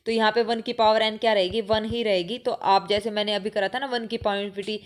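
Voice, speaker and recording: A woman's voice: mid-range voice, steady tone, a little fast. A woman teaching a maths exam-prep lecture, mixing English terms into her speech, asking questions and answering them herself, repeating key points. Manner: mixes English math terms into Hindi speech. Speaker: mathematics teacher.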